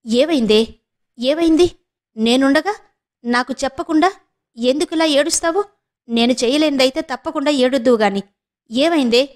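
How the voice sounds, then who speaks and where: A woman's voice: fairly high pitch, moderate pace, natural voice. A woman voicing a young woman, a firm, protective elder sister who presses with questions. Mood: anxious.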